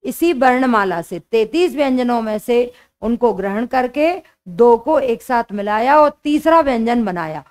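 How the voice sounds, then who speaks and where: Woman teacher, young adult, high voice, unhurried delivery, patient repetition of key points, exam-prep grammar lesson. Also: animated, a little mellow. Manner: slow, explanatory, repeats key points.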